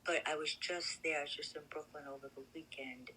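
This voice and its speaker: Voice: medium pitch, steady tone, brisk, pushed and bright, slight background noise. An older person in their seventies from the New York area with a faint New York accent, chatting casually on a phone call in a rambling, amused way. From New York City area. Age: 70s. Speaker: caller.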